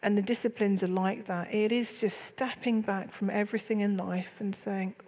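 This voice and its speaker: A woman's voice: medium pitch, fairly even intonation, moderate pace, a little mellow. Chatty woman hosting a faith talk. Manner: chatty, candid storytelling. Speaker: church leader and host. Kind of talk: casual faith discussion.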